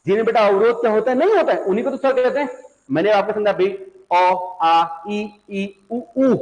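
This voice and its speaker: A man with a fairly high voice teaches a grammar class, patiently going over every point more than once. He keeps checking whether his students have understood and calls them "beta". The sound has a long, echoing reverb. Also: normal speed, a little mellow, lo-fi sound. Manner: explains by repeating each point several times. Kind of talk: online Hindi grammar class.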